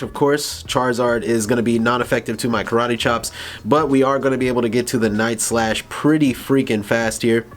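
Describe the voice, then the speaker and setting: A young man talks through a video game battle in a relaxed, rambling way, with fillers and short laughs. His voice sits at an ordinary middle pitch for a man. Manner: rambling, laid-back, laughs and stumbles over words. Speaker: gaming YouTuber. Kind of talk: casual gameplay commentary.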